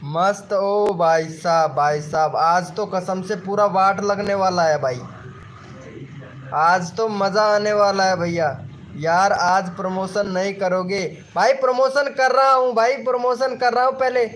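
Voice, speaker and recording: A man chatting live with viewers, reading their comments and egging them on, repeating himself with excitable energy and calling everyone brother. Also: high-pitched, measured pace, a little hiss or hum. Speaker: live streamer.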